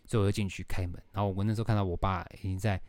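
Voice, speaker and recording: A man's voice: deep voice, fairly even intonation, very fast, darkish tone, no room sound. A young man with a Taiwanese Mandarin accent, hosting a casual podcast and telling a rambling story with casual swearing. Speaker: podcast host.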